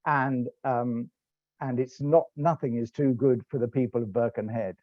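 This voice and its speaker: A man's voice: medium pitch, fairly even intonation, normal speed, dry recording, highs cut off. A middle-aged British man with an English accent, giving a rambling, self-correcting online lecture over slides. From England. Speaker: lecturer and tour guide.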